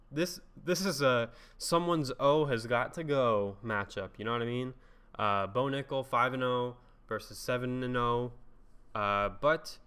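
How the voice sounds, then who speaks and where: A man talks through his picks in a loose, casual commentary monologue. His voice is bright and forward, and his talk is chatty, full of laughs and freely dropped swearing. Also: medium pitch. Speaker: MMA commentary YouTuber.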